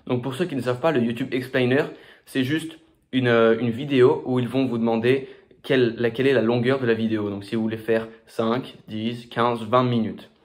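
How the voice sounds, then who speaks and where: A man hosting a screen-recorded software tutorial, talking casually with many fillers and restarts. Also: medium pitch, fairly even intonation, normal speed. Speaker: tutorial host.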